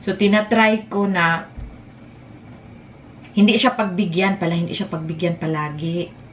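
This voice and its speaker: A woman in her thirties with a Filipino accent, chatting casually to viewers while cooking at home and breaking off to hush her toddler. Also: lowish voice, steady tone, a little slow, slight background noise. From Philippines. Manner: switches between chatting to viewers and scolding a toddler. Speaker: vlogger and mother. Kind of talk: casual cooking vlog chat. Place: home kitchen. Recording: echoey room from a distance.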